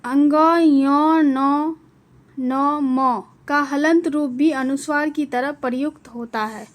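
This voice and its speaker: A woman giving a Hindi grammar lesson, spelling out each letter slowly and deliberately. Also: high voice, fairly even intonation. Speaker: teacher.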